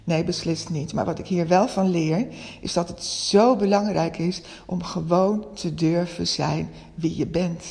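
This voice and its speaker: A woman coach talks through a personal, reflective monologue in a gentle, open way. Her voice has a gravelly fry, and now and then she stutters on a word or swaps in another one. The recording has a long, lingering reverb. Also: lowish voice, steady tone, unhurried. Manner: stutters now and then, searches for other words, speaks gently and openly. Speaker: coach and podcast host.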